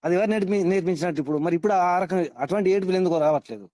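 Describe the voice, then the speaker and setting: Guy running a scripture class, high voice, dry close sound, keeps asking the class questions. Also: very fast, warm tone, dry recording. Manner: questioning, repeats points for emphasis. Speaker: teacher of scripture. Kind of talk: interactive class lecture.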